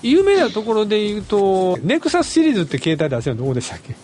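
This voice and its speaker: A man with a Kansai accent hosting a casual film chat, chatty and quick with backchannels. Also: sits high, wildly swooping pitch, darkish tone. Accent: Kansai Japanese. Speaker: podcast host.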